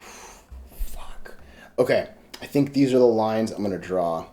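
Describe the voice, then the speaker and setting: A man's voice: on the low side, lively intonation, a little fast, warm tone. A man casually talking through stock charts, rambling and restarting his sentences, with loose slang. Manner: rambling, self-interrupting, salty slang. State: hiccups. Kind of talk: casual screen-share chart commentary.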